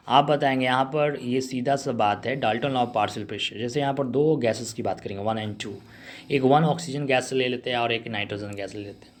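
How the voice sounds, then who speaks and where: A male chemistry teacher giving a revision lesson, explaining step by step and asking the class rhetorical questions. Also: medium pitch. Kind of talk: revision lesson in Hindi-English mix.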